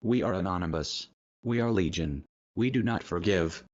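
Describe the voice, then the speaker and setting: A disguised, artificially deepened male voice, very low and heavy. He reads a scripted message in a solemn, measured, declamatory way. The audio is dull and lo-fi, with a dry, close sound and no room around it. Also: a little mellow, dry recording. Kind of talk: scripted narration of a protest message.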